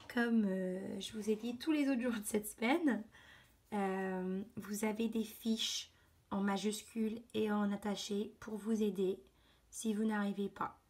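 A woman, teaching young children from her computer at home and slowly sounding out letters and words. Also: mid-range voice, a little mellow. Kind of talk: remote lesson for young children. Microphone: computer mic.

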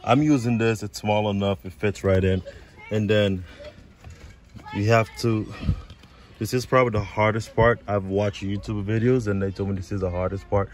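A man's voice: fairly low pitch, steady tone, moderate pace. A man vlogging about his car in a hyped, slangy way, often calling out "baby". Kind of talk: casual DIY vlog.

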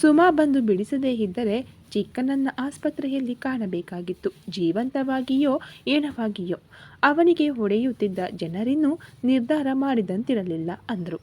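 A woman narrating a romantic story in an expressive, dramatic reading style. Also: high voice, normal speed, slightly rough.

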